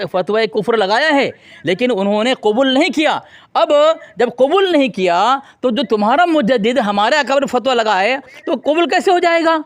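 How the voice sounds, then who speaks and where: A man with a very high voice debates hotly on a call. He taunts and insults his rival, repeating his claims and demanding proof. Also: fairly bright tone. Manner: combative, taunting, insulting the opponent. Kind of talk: heated religious debate.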